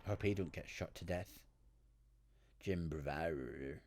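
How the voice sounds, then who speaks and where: A man's voice: low voice, slow pace, darkish tone. A man giving casual, joking commentary as he plays a game. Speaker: gamer commentating on a playthrough. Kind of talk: casual joking banter over gameplay.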